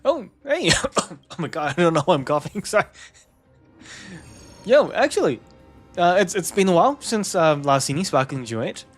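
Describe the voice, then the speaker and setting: A man's voice: high voice, very animated, moderate pace, soft background music. A young man with a New Zealand accent chatting casually with stream viewers, easygoing, chuckling often and repeating words. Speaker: game streamer.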